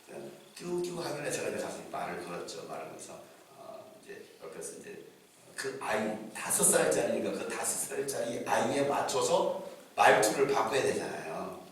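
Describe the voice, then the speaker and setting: A man's voice: mid-range voice, very animated, moderate pace, a little hiss or hum. A middle-aged male pastor telling a story in a revival sermon, acting out the voices of the people in it. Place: church sanctuary. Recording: echoey church hall from far off.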